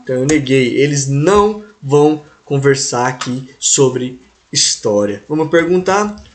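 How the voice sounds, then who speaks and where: A man teaching English grammar in an online lesson, drawing out the example sentences slowly and checking in with the class. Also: medium pitch, lively intonation, slight background noise. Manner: slow, drawn-out model sentences with frequent "né?" and "tá?" check-ins.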